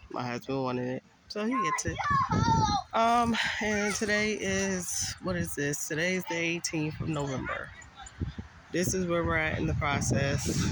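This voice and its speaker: A woman's voice: low-pitched, noisy background. A woman with a congested voice, talking casually to camera in a rambling, exasperated family vlog, outdoors. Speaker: family vlogger.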